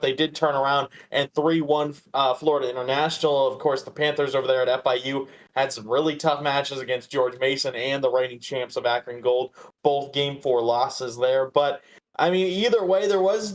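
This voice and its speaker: Offering laid-back, conversational analysis, this male sports podcast host has a somewhat high voice and tends to repeat a phrase as he figures out what to say next.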